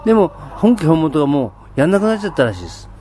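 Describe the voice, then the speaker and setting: A man's voice: a little high, sing-song, very fast, warm tone, a little hiss or hum. A man chatting on his own in standard Japanese, enthusiastic, with many fillers and frequent laughs. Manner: enthusiastic storytelling. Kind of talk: casual solo chat.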